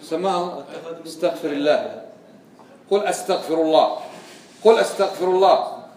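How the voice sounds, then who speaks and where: A man's voice: on the high side, a little fast, a little mellow. A man giving a religious lesson, quizzing his students with repeated questions. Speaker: religious teacher. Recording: echoey room, voice from far off.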